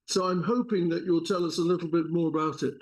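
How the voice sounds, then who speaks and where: A man hosting an event, giving a polite, slightly halting formal introduction of a speaker. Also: a little high, fairly even intonation. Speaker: event host. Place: lecture room.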